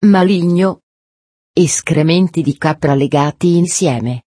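A woman's voice: sits low, slow, dark tone, dry recording, studio quality. A woman reading an audiobook, giving the devil's lines as a scornful, menacing male spirit.

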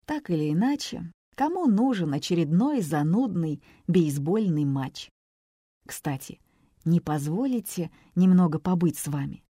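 A woman voicing a kind, soft-spoken young man who teases gently. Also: on the low side, lively intonation, measured pace, breathy edge, no echo, studio quality. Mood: gentle, teasing.

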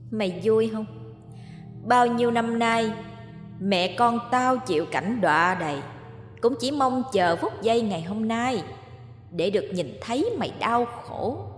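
A woman's voice: a little high, expressive, a little slow, roomy sound, long reverb tail, pitched above the performer's own voice. A woman voicing a vengeful female ghost who cackles and taunts, in a storybook reading with faint music behind. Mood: gloating.

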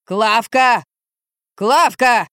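A woman reading an audiobook, voicing a delirious drunken middle-aged man who yells and wails. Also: mid-range voice, lively intonation, a little slow, dry recording, studio quality, natural voice. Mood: bellowing. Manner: hoarse yelling and wailing.

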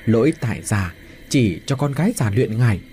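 A man's voice: medium pitch, animated, normal speed, mellow, slight background noise, lightly acted. A man playing an old, grave village shaman. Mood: urgent. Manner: urgent, grave. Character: old male village shaman, protective and self-sacrificing.

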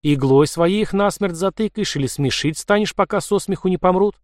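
A man's voice: sits high, normal speed, a little mellow, no echo, studio quality, pitched above the performer's own voice, lightly acted. A man reading the part of a blunt, plain-spoken young Cossack man in an audiobook. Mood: scolding.

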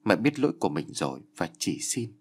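A man's voice: low-pitched, big pitch swings, fairly quick, darkish tone. A man voicing a frightened, remorseful middle-aged mother who begs for her life, in a storybook reading. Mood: terrified. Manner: frightened, stammering pleas.

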